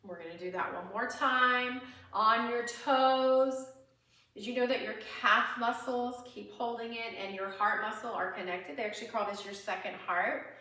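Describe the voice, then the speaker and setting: A woman leads a chair yoga class, talking her students through each move with breath cues and an easygoing laugh. Her voice is bright and a touch high. It rings in an echoey room, picked up from some distance away. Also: steady tone, normal speed. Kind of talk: guided exercise instruction.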